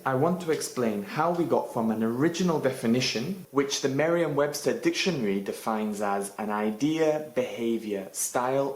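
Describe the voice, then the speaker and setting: A man's voice: mid-range voice, echoey room, low-quality recording. A man hosting a scripted English lesson for Spanish speakers, narrating with playful asides. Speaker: English teacher and channel host.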